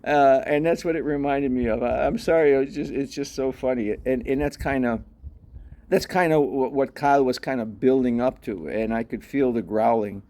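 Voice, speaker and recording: A man's voice: mid-range voice, moderate pace, dark tone. A middle-aged man hosting his own dog channel, telling a story in a loose, rambling way, full of restarts and fillers. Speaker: dog owner and channel host. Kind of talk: casual vlog storytelling.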